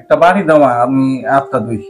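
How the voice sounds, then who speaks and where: A man acting in a village amateur drama takes the role of a widowed, impoverished laborer and father who mourns his hardships and begs God for help. He speaks quickly in a natural, medium-pitched voice, his mood one of lament.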